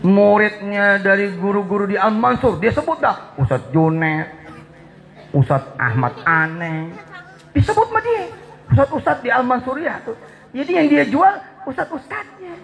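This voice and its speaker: A male preacher delivers a lively sermon to a gathering. He talks straight to his listeners, repeats key words, and swings from soft asides to shouted emphasis. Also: high-pitched, normal speed, vocal fry. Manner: addresses the audience directly and repeats key words.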